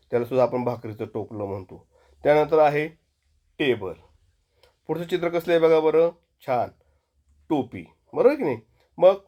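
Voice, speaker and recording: A man, a primary school teacher, giving a slow, patient recorded lesson to young children and drilling them to repeat sounds after him. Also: mid-range voice, a little mellow. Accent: Marathi.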